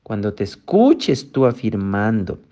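A man's voice: on the low side, huge pitch swings, slow pace, mellow, highs cut off. A man giving a motivational talk. He speaks emphatically, posing rhetorical questions and then answering them.

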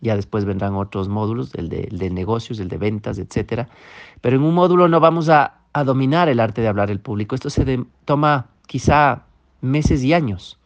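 A man's voice: fairly low pitch, normal speed, vocal fry, dull audio. A man teaching public speaking, earnest and direct, often checking in with the listener. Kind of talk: instructional talk. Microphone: microphone.

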